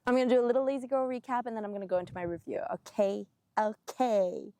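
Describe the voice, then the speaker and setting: A woman's voice: on the high side, racing, music in the background. A woman giving a casual, chatty recap in a video, dropping in "okay" and "like" as she goes. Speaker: anime reviewer and vlogger.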